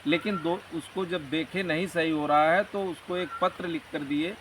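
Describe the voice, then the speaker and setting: Man, higher-pitched, earnest motivational talker, recorded a bit off-mic with faint hiss. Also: steady tone, moderate pace. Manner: earnest, motivational, rambling explanations. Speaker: interview guest. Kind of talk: conversational interview. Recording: distant mic with faint background noise.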